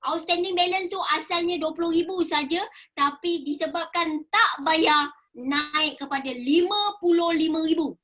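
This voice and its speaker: Middle-aged Malaysian-accented woman, bright high voice, animated storyteller in a coaching session. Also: a little slow. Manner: lively storyteller, acts out quoted voices. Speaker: network marketing speaker. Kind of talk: casual coaching talk.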